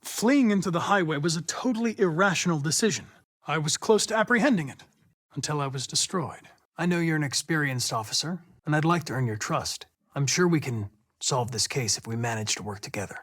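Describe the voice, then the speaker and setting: Playing a calm, formal android detective in a video game, a man speaks in a fairly high, slightly bright voice, fairly quick and expressive. The young police investigator character is polite and coolly logical, with formal, precise phrasing.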